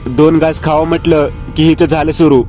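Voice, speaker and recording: A man's voice: on the high side, steady tone, moderate pace, dark tone, soft background music, close to an everyday voice. A man voicing an irritable young villager who snaps in exasperation. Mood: irritated. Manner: snappish, exasperated.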